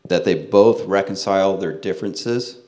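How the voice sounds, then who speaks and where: A man with a General American accent addressing a church congregation, pausing for an interpreter. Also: low-pitched, warm tone. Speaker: guest speaker at a church. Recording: echoey room with faint noise.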